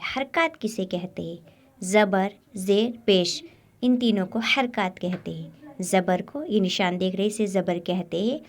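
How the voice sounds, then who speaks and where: A woman, teaching a Quran recitation lesson step by step and sounding out syllables slowly. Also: a little high. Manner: slow, drawn-out demonstration of letter sounds.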